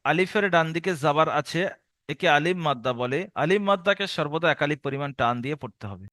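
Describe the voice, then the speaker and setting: A man teaching a recorded Quran reading lesson for adults, slowly drawing out each spelled syllable, then explaining at a steady pace. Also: a little high, no echo, studio quality. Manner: slow drawn-out syllable-by-syllable spelling drills alternating with steady explanation.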